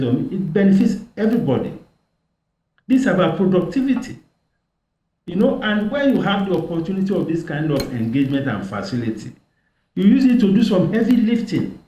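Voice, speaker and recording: Male economist dialing into a panel; remote conference-call sound with a roomy echo; measured, methodical delivery. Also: on the high side, darkish tone. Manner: measured, builds points step by step. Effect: remote conference call audio. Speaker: economist guest. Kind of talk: explaining policy on a call-in panel. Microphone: remote call connection. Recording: echoey breaking call line.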